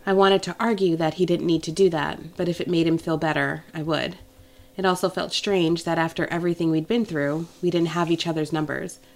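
A woman with a slightly low voice reads a romance novel in the first person. Her delivery is intimate and emotional, and she tells the story closely and warmly. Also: steady tone, fairly quick, slight background noise. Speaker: audiobook narrator.

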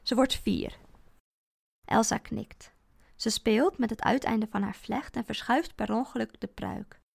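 A woman reading a first-person story aloud, expressive with a deadpan sense of humour. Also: on the high side, measured pace, creaky, slightly rough.

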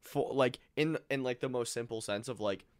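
A man co-hosting a casual chat, talking slowly and bluntly with drawn-out words. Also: medium pitch, clear, resonant tone. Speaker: podcast co-host.

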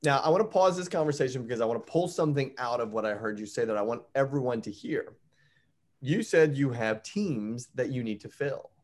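Lively-voiced coaching interview host. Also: medium pitch, brisk. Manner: affirming, coaching, many backchannels.

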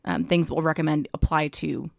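A woman's voice: low-pitched, little pitch movement, normal speed, creaky, no room sound, clean studio sound. A woman co-hosting a podcast in casual chat, talkative, with many fillers. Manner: chatty, filler-heavy, laughs easily. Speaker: podcast co-host.

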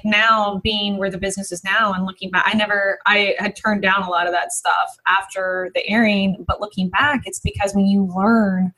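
A woman business founder talking casually as an interview guest, animated and quick, with many fillers. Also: mid-range voice, husky, rough recording.

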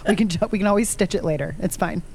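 A woman's voice: fairly low pitch, very fast, a crowd in the background. A woman interviewer chatting casually, reacting with informal exclamations and short interjections.

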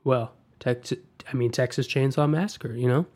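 A man's voice: medium pitch, fairly even intonation, normal speed, darkish tone, slight background noise. A young man co-hosting a casual film chat, rambling with many fillers and restarts. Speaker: podcast co-host.

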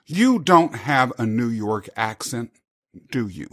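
A man hosting a podcast interview, asking upbeat, animated questions. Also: mid-range voice, takes it slowly. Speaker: podcast host.

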